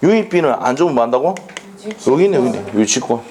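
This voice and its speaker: A man teaching a law exam prep class in a classroom, animated and drilling students with quick questions. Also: medium pitch, slight background noise. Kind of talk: classroom lecture. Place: lecture classroom.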